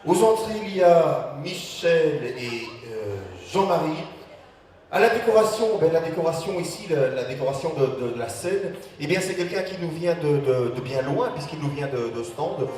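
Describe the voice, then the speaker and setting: Echoey male cabaret host, fairly high voice. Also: animated, normal speed, darkish tone. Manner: chatty, hesitant, repeats words as he goes. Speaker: cabaret master of ceremonies. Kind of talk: live stage announcements. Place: cabaret stage in a hall. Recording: echoey hall, slightly distant microphone.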